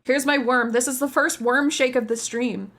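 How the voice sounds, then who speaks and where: A woman livestream host chatting casually with viewers in a cute, bubbly anime-streamer manner, excitable and gushing, with casual swearing. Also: high-pitched, normal speed.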